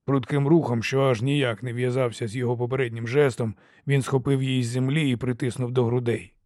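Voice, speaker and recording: Male audiobook narrator, mid-pitched, steady first-person telling, dry studio sound. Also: fairly quick, no room sound. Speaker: audiobook reader.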